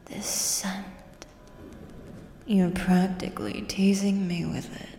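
A woman's voice: medium pitch, flat delivery, takes it slowly, warm tone. A woman in an ASMR role-play, voicing a menacing female axe-wielding beast with a predatory, taunting beast-man drawl. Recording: echoey cavern-like reverb, audible background noise.

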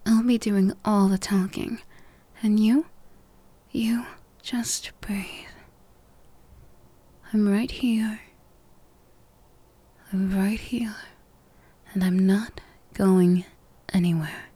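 Slow, breathy whispering woman. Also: medium pitch, steady tone. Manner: soft affectionate whisper, slow and soothing. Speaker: ASMR roleplay performer. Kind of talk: whispered comfort roleplay ASMR.

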